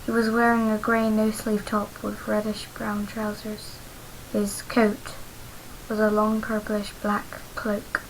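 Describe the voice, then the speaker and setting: A woman reading her own fanfiction aloud in a careful, unhurried amateur style. Her voice sits in a middle register and stays flat and even, with little rise and fall. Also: medium pitch, slight background noise, low-quality recording. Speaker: fanfiction reader.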